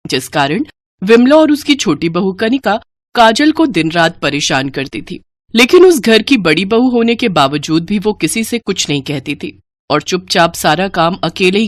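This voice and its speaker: A woman narrating a scripted moral story in an even, storytelling manner. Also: mid-range voice, no echo.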